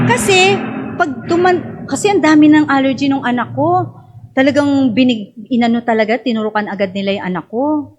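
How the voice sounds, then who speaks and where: Middle-aged Filipina with a high voice, casual testimony style, laughs and acts out quotes. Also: female voice. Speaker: speaker sharing a personal story. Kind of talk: casual storytelling to a congregation.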